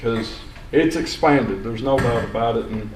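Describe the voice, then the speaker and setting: A man's voice: medium pitch, normal speed. A young man giving unscripted public comment at a county meeting, plain-spoken and rambling with restarts. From Sequatchie County, Tennessee. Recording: echoey hall, distant mic, faint hiss.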